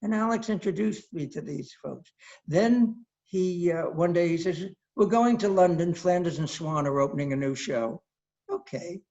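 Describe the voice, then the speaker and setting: Older man in his 80s, raised gravelly voice, one-man show anecdotes, dull lo-fi stream. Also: high-pitched, animated, moderate pace, darkish tone. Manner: anecdotal, chatty, acts out quoted people. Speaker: solo performer. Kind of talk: theatrical storytelling monologue.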